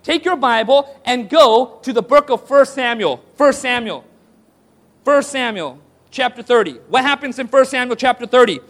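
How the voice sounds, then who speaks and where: A man's voice: very high-pitched, moderate pace, fairly bright tone. A man preaching a sermon to a congregation, asking rhetorical questions and calling for responses. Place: church hall with audience.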